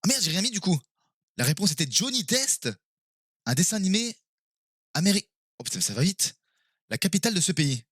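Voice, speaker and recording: A man streaming live and playing a quiz game with his viewers, excitable and quick to exclaim and swear when he is stuck. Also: high-pitched, husky, dry recording, clean studio sound.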